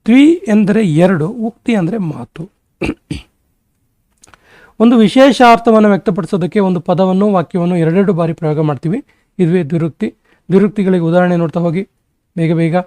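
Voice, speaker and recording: A male exam-prep teacher giving a grammar lesson, briskly rattling off word lists. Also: high-pitched, mellow, no room sound.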